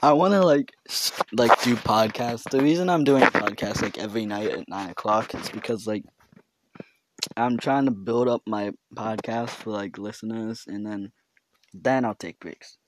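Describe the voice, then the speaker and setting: A man's voice: on the low side, moderate pace, heavy background noise. Rambling teenage boy with a stutter. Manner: rambling, fillers and self-interruptions. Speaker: solo podcast host. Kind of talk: casual rambling solo podcast. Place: his bedroom. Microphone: home podcast mic.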